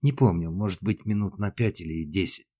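An earnest young woman caught up in a train murder, put on by a male audiobook reader. She speaks eagerly, a little flustered, lifted above his husky, low natural voice. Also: a little fast, warm tone.

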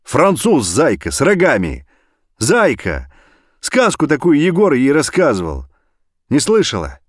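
A man voicing a desperate middle-aged father who pleads and shouts down a phone. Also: a little high, wildly swooping pitch, a little slow, no echo, clean studio sound, voice pushed up, exaggerated voice. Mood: agitated.

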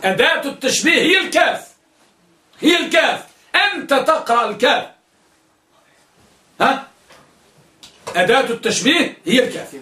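A man's voice: very high voice, big pitch swings, moderate pace, long pauses, pushed and bright. A male teacher giving a classroom lesson, questioning students and drilling their answers. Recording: echoey room, mic at a distance.

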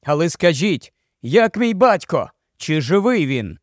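A man's voice: on the high side, very animated, unhurried, no echo, clean studio sound. A man voicing a stately young prince. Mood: earnest. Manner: stately, declamatory. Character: proud young enchanted prince, commanding.

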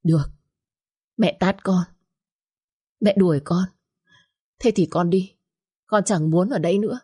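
A woman's voice: on the low side, a little slow, mellow, slightly rough. A woman playing a hurt, defiant young wife. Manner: pleading, pained.

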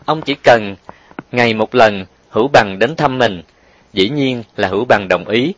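A man narrating an audiobook in an even, sentimental storytelling way. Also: mid-range voice, unhurried, no echo.

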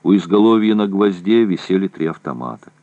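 A man narrating a war novel in a steady, even reading. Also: sits low, a little fast, dry recording, muffled recording. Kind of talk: audiobook reading of war prose.

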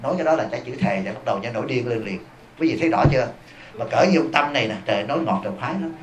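A man, a Buddhist abbot giving a lively, humorous sermon that teases and questions the audience. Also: medium pitch, rapid-fire, crowd noise. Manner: humorous, teasing, addresses the audience. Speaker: Buddhist monk and abbot giving a dharma talk. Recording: echoey hall.

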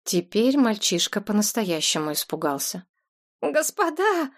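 A woman reads an adventure story aloud as an audiobook narrator. Her telling is expressive and scripted. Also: medium pitch, moderate pace.

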